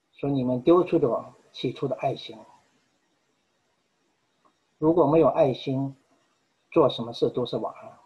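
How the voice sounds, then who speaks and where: A man preaching a sermon in an earnest, measured way, pausing often. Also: medium pitch, husky, dull audio. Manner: earnest, measured, with frequent pauses.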